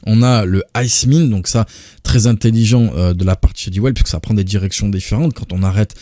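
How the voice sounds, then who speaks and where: A man's voice: on the low side, fairly quick, mellow, no room sound, studio quality. A man from France casually explaining products on his channel, with many hesitations and fillers. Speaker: product presenter.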